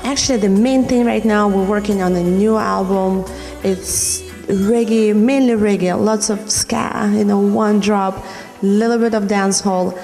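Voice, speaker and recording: A woman's voice: medium pitch, steady tone, a little slow, mellow, big-room sound. A young woman from Norway, a recording artist, talking about her music in an interview, with many "you know" fillers. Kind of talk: interview answers.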